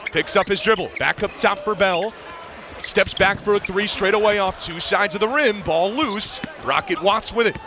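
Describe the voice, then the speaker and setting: A man with a high voice and a moderate pace narrates a basketball game live, using clipped, vivid running description that keeps pace with the action. He's courtside in a big indoor arena, and the background is full of loud crowd noise and a bouncing ball.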